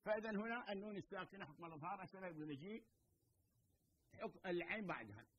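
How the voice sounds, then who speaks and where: High-voiced Iraqi male teacher. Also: expressive, fairly bright tone, dull audio, a little hiss or hum. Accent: Iraqi Arabic. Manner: explains slowly, repeats points, checks understanding. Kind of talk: televised lesson with phone-in questions.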